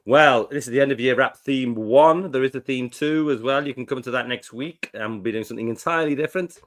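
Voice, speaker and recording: A man's voice: medium pitch, fast, fairly bright tone. A man from North Wales co-hosting a live lesson in a casual, jokey presenting style.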